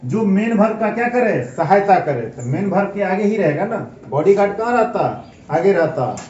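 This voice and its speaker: A man's voice: high voice, animated, normal speed, darkish tone, slight background noise. A male teacher giving a grammar lesson, asking his class questions, answering them himself, and spelling out words letter by letter. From India. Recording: echoey room, picked up from a distance, slightly dull.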